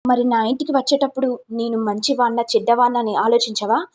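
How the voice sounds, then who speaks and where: A woman's voice: fairly high pitch, fairly even intonation, darkish tone, natural voice. A woman voicing a smug young male blackmailer, speaking in a taunting, mocking tone while retelling a serial. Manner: taunting, drawn-out mock politeness. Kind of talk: storytelling recap of a serial.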